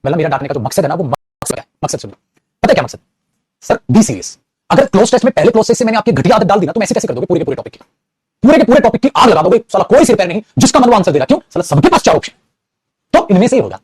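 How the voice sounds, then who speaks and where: A young man teaching English grammar online. He talks very fast in a lively, high voice that swings widely in pitch. His tone is slightly husky, and the recording is dry and close. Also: no echo. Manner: scolding, teasing, mixes Hindi and English. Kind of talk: online exam-prep lecture.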